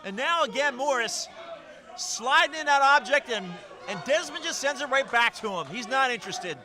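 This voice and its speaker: Male wrestling commentator, very high-pitched, excitable play-by-play over crowd noise. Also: moderate pace. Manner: excitable, exclamatory calls. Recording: loud event crowd and music behind. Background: crowd and music.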